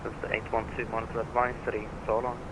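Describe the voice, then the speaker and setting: Man, air traffic controller, flat delivery, procedural radio phrasing, noisy channel. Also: fairly low pitch, quick pace. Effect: radio transmission. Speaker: air traffic controller on a flight simulator network.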